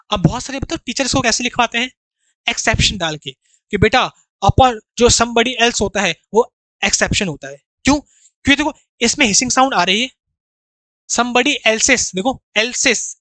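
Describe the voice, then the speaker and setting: A man's voice: very high-pitched, pushed and bright, no echo. A man teaching an exam-prep grammar lesson, explaining through rhetorical questions and repetition and speaking to his students familiarly as brothers.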